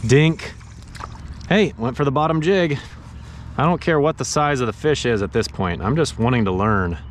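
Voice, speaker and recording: A man in his thirties gives casual fishing commentary from a kayak out on a pond. He sounds chatty and easily excited, now and then tossing in dude or bro. His voice sits in a middling range, caught by a camera on the boat with a faint hiss of outdoor noise behind it. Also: medium pitch, normal speed. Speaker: fishing vlogger. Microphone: action camera mounted on the kayak.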